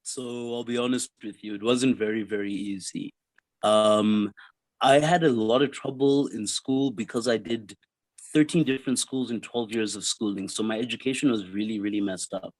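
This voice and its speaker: A South African man in his fifties, a comedian guest in a casual interview, telling his story with quick jokes. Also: fairly low pitch, no echo, rough recording. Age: 50s. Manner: jokey, quick one-liners.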